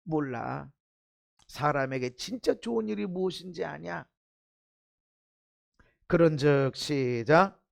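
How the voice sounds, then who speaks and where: A man preaching a sermon as pastor, swinging from loud exhortation to hushed low asides and giving blunt, informal commands to the congregation. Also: expressive, slow, vocal fry, pauses often. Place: church sanctuary.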